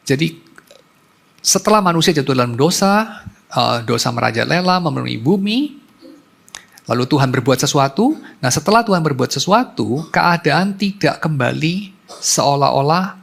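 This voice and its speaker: Gravelly-voiced male pastor preaching. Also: fairly high pitch, animated, normal speed, pauses often, a bit bright. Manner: conversational preaching with storytelling; mixes in English terms. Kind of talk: sermon.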